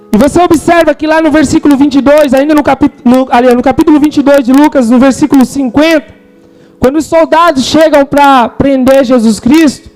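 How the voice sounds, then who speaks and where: A man's voice: very high voice, darkish tone, poor audio. A man with a Brazilian Portuguese accent preaching a fervent sermon in a church, quoting scripture and acting out the disciples' words. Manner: fervent, quotes scripture and acts out disciples' lines.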